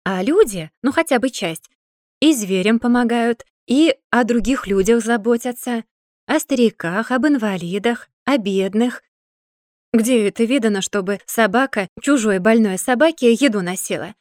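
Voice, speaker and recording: A woman's voice: fairly high pitch, normal speed, darkish tone, dry recording, studio quality, lightly acted. A woman voicing a cheeky, stubborn young woman who argues insistently and teases in a storybook reading. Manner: teasing, insistent.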